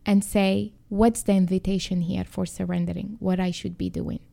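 A woman gently guiding a calm mindfulness and grounding exercise as a podcast host and coach, with a halting, instructive delivery. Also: mid-range voice, gravelly.

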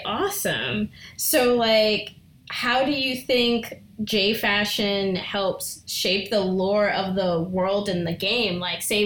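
A woman co-hosting a podcast, asking questions haltingly with many "like" fillers. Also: mid-range voice, fairly bright tone. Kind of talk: casual interview questions. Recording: echoey room.

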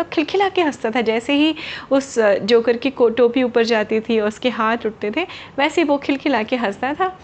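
A woman's voice: high voice, a little hiss or hum. A woman telling a story to children, explaining words to her young listeners along the way.

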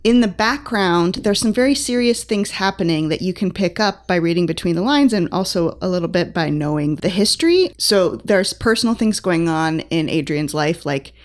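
A woman's voice: fairly low pitch, moderate pace, few pauses. A young woman casually talking through a book she read, chatty and playful, laughing often. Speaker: podcast co-host reviewing books.

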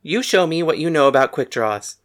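A woman's voice: low-pitched, animated, brisk. A woman voicing a bold, frank young gunslinging woman in an audiobook, speaking in a blunt, matter-of-fact way. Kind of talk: audiobook character voice.

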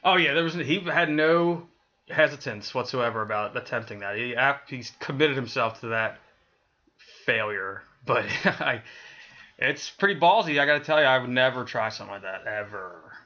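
Male podcast co-host, animated and lively, casual and profane, slightly muffled recording. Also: mid-range voice, moderate pace. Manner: animated, laughs often, swears casually. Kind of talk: casual chat.

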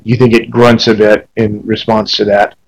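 A man narrating a tabletop role-playing game as game master, piecing his descriptions together haltingly. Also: fairly low pitch, little pitch movement, rough recording.

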